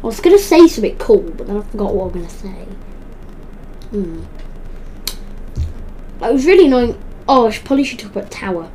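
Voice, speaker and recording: Rambling, excitable woman podcaster. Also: medium pitch, fairly quick, long pauses. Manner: rambling and excitable, often corrects herself. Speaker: podcast host. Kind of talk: casual gaming chat.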